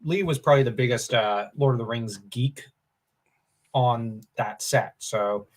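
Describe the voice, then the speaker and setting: A man's voice: mid-range voice, a little slow. A man co-hosting a casual book discussion podcast, enthusiastic and opinionated, thinking aloud with fillers. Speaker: podcast co-host.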